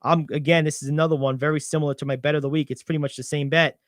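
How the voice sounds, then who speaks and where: A young man co-hosting a sports radio show, animated and confident as he talks through football picks, piling on "I think". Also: fairly high pitch, very fast, no echo, clean studio sound. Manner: animated, gets louder when excited, many "I think"s. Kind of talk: sports betting talk.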